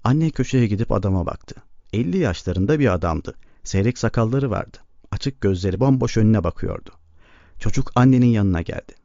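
A man narrating an audiobook in a measured, even storytelling manner. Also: fairly low pitch, no room sound. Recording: dull lo-fi recording.

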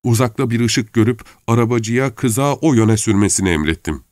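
A man calmly narrating a story in a measured audiobook style. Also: mid-range voice, dry recording, clean studio sound.

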